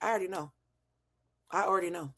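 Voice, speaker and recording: Speaking fast in a fairly low, slightly bright voice, a blunt, emphatic woman from New England gives her opinionated take on a reality show to camera. She hosts an online show and teaches emotional intelligence, and she swears heavily and hammers points through rhetorical repetition.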